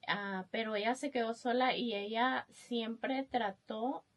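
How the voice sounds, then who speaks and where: Soft-spoken Guatemalan woman, slow. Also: fairly high pitch, steady tone. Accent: Guatemalan Spanish. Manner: soft-spoken, hesitant with many fillers. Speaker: guest. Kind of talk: testimony interview.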